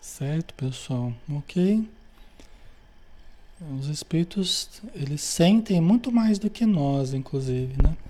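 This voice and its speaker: A man's voice: a little high, lively intonation, slow pace, mellow, slight background noise. A man with a Brazilian accent leading a study group, reading aloud from a spiritual book and explaining it, checking with listeners after nearly every phrase. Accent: Brazilian Portuguese.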